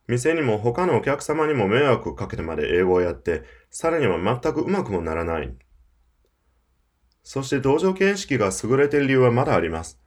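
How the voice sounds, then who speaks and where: A man teaching English pronunciation in Japanese, explaining in an emphatic scripted audio lesson. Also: mid-range voice. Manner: explanatory, emphatic, demonstrates English phrases at varied speeds.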